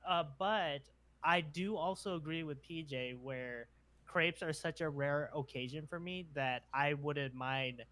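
A man co-hosting a podcast in playful, casual chat. His voice sits somewhat high for a man and sounds bright and forceful. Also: unhurried. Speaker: podcast co-host.

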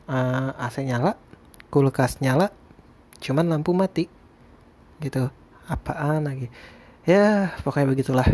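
A man's voice: mid-range voice, darkish tone. A young man with a Jakarta-area Indonesian accent and a speech impediment on his r sounds, rambling informally and hesitantly as he hosts a casual solo podcast diary. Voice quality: speech impediment, cannot roll or clearly say the r sound (cadel). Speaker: podcast host.

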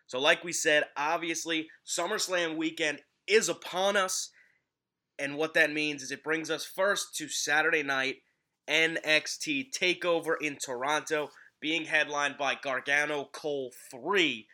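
A man's voice: on the high side, fairly even intonation, unhurried, bright, forceful tone. A man hosting a casual sports podcast, recorded in a home basement. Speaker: podcast host. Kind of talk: casual sports podcast chat about wrestling.

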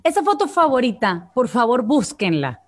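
A woman's voice: fairly high pitch, big pitch swings, normal speed. A woman from Venezuela, a vocal coach and guest, talking in a coaching tone and addressing listeners directly in a live online interview.

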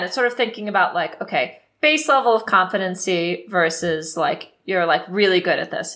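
Chatty bright-voiced woman podcast co-host. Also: medium pitch. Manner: lively, chatty, laughs often. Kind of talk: casual chat.

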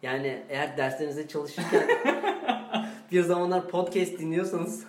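A man's voice: a little high, measured pace, darkish tone. A man co-hosting a comedy podcast, chatting playfully and laughing at his own mix-ups in a cramped room. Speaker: podcast co-host. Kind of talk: casual comedic chat. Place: cramped, stuffy small room. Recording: echoey room with faint background hiss.

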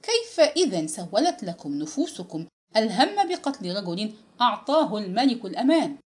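A proud young princess gives cool, imperious orders in a storybook reading, as a woman narrator puts her on. Her pitch rises and falls in a lively way. She sounds crisp and sure of her rank. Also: moderate pace, close to an everyday voice. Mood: commanding.

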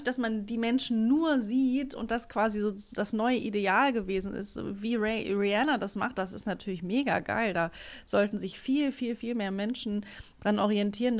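A young woman co-hosting a podcast in casual chat, talking in an opinionated way with frequent restarts. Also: medium pitch. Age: young adult. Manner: chatty, opinionated, restarts often. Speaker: podcast co-host.

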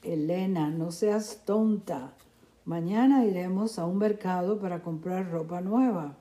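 A woman voicing a calm, cheerful middle-aged mother who speaks soothingly, in a storybook reading. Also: on the low side, unhurried, lightly acted. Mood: reassuring. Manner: soothing, reassuring.

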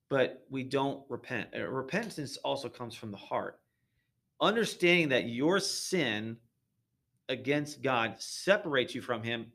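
A man's voice: medium pitch, fairly bright tone. A man guesting on a podcast, talking earnestly about faith in a preachy way with many restarts.

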